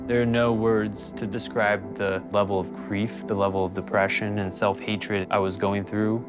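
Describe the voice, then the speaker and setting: A young man giving a quiet, remorseful documentary testimony. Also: fairly low pitch, little pitch movement, moderate pace. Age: young adult. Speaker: interviewee. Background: soft guitar music.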